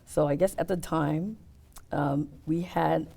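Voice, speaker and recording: Woman, low voice, gravelly, dark tone, interview guest, explains step by step. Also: fairly even intonation, slow. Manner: explains step by step, hesitant fillers. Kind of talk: casual interview talk.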